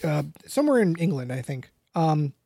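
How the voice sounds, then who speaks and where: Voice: medium pitch, very animated, moderate pace, vocal fry, mellow, no room sound. A person hosting a casual guessing game, talking in a loose, hesitant way with many fillers. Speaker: quiz host. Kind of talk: casual podcast chat.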